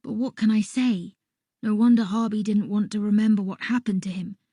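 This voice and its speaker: A woman reading a first-person children's story aloud in a soft, unhurried voice that sometimes drops to a whisper. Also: mid-range voice, fairly even intonation, no room sound, clean studio sound. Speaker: audiobook reader.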